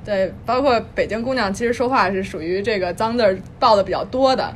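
A woman's voice: mid-range voice, fast, a little hiss or hum. A young woman from Beijing with a Beijing accent, a podcast guest telling stories in a chatty, slangy, blunt way. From Beijing, China. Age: young adult. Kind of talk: casual chat.

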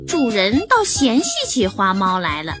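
A woman narrating a children's bedtime story in a lively, expressive way. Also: mid-range voice, unhurried, over music.

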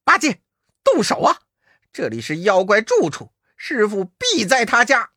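A storyteller voicing a fierce, hot-tempered monkey king hero who shouts in a shrill voice. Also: huge pitch swings, unhurried, no echo, clean studio sound, full character voice. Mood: furious shouting. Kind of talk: storybook character voice.

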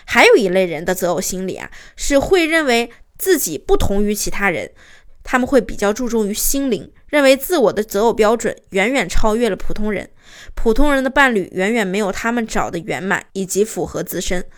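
A woman's voice: mid-range voice, expressive, fairly quick. A young woman, a host's assistant, narrating relationship advice and telling a client's story, acting out quoted arguments with rising emphasis.

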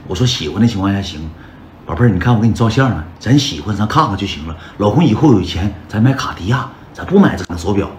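Chatty Northeastern Mandarin livestreamer. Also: male voice, lowish voice, expressive, fast talker, a little hiss or hum. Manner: chatty, keeps calling out to the viewers as brothers. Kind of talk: casual storytelling livestream. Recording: roomy echo with loud background music.

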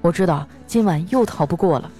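Woman, from northeast China, show host, reading jokes, chatty, laughs often, very animated pitch, faint music behind. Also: fairly quick. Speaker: podcast host. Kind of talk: reading listener jokes aloud.

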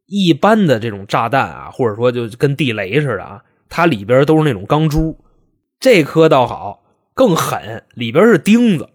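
A young man recounts a true-crime case like a fireside chat. His telling is colloquial and full of wry asides. His pitch sits mid-range but rises and falls a lot. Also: big pitch swings, normal speed, breathy edge. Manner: chatty, joking asides, colloquial. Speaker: podcast host and storyteller. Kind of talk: casual true-crime storytelling.

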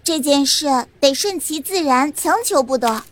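A woman's voice: high voice, expressive, a little slow, slight background noise. A woman playing an earnest, naive young woman explaining things in an audio drama.

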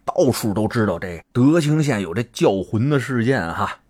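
A man, hosting a podcast and telling a story in a casual, animated, colloquial way. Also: medium pitch, normal speed, husky. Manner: animated, colloquial, acts out characters' lines. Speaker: podcast host.

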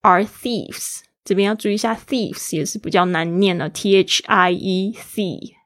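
Casting: a woman English teacher whose first language is Mandarin, patient, slow modelling of words, dry close sound. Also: medium pitch, a bit bright, no echo. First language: Mandarin Chinese. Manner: explains patiently, spells out words and models pronunciation slowly. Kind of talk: bilingual English lesson.

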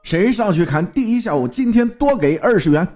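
A man putting on a barking gruff foreman. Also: high voice, lively intonation, brisk, faint music behind, pitched above the performer's own voice. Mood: urging. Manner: loud, barking offers. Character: gruff, bossy male work foreman.

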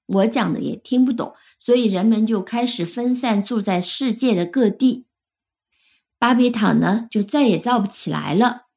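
A woman with a fairly high voice leads a relaxed weekly chat about English usage. She explains with patience and spells words out slowly, letter by letter. She is a native Chinese speaker. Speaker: English teacher. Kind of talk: casual Friday chat lesson.

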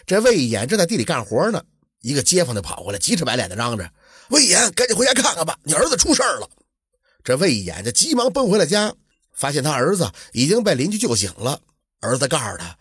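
Husky-voiced man telling a folk tale. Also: medium pitch, no echo, clean studio sound. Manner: lively, colloquial storytelling. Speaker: storyteller.

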